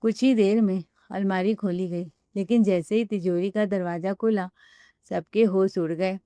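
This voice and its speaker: A woman narrates an emotional household drama. Her voice is smooth and clear, at a middle pitch. She sounds close to the mic, with no room around her. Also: steady tone, a little slow, mellow, no echo. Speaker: storyteller. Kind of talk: scripted narration with acted dialogue.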